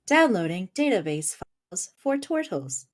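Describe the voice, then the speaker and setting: A woman's voice: medium pitch, unhurried. Woman putting on a stiff voice-assistant robot. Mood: robotic. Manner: flat, clipped voice-assistant delivery. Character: formal robot warforged paladin, eager and literal. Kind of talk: online tabletop role-play.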